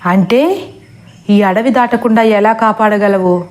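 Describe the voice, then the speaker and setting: A woman's voice: medium pitch, takes it slowly, a little mellow, natural voice. A woman voicing a vengeful female forest spirit who taunts and threatens in a storybook horror tale. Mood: taunting.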